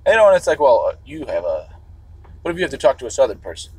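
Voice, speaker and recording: A man from the Chicago area rambles through a livestream from behind the wheel. His voice is husky and sits in an ordinary middle pitch. He keeps stopping to restart his thoughts, and he swears casually as he goes. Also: very animated, quick pace, a little mellow, low-quality recording. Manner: meandering, restarts, swears often.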